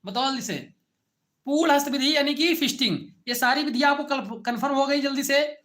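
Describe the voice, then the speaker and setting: A male teacher delivers an online class in a bright, forceful voice. He keeps firing short check questions at his students and repeats key terms. His delivery is informal and direct. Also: extremely high pitch, fairly quick. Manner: repetitive call-and-response questioning. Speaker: agriculture teacher.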